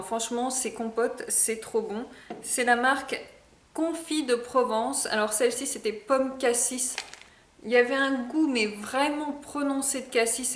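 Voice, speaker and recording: Chatty French-speaking woman vlogger, high voice. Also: echoey room. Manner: chatty, hesitant, many fillers. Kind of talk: casual product review vlog.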